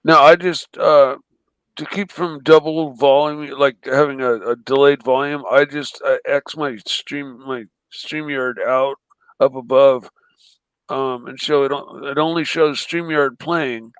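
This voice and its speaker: A man joining a casual livestream as a guest, explaining things in a hesitant, halting way with fillers. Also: mid-range voice, fairly even intonation, clear, resonant tone, no room sound, poor audio.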